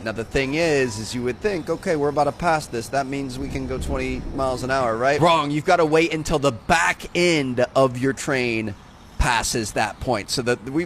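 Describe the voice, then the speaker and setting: A man's voice: mid-range voice, fairly bright tone, a little hiss or hum. A young man hosting a gaming channel, giving laid-back, chatty commentary while he plays and often saying "dude". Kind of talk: casual gameplay commentary.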